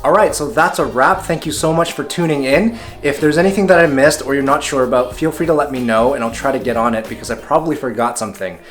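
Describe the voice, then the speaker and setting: A man giving a casual cooking tutorial in his home kitchen, talking in a relaxed, chatty and self-deprecating way. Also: mid-range voice, quick pace, few pauses. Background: background music.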